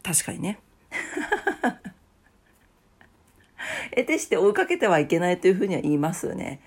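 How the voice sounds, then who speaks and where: A woman's voice: on the low side, big pitch swings, fast talker, a little mellow. A woman hosting a casual morning talk show, a bit stuffy-nosed, chatty and laughing at her own asides. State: stuffy nose. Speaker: podcast host.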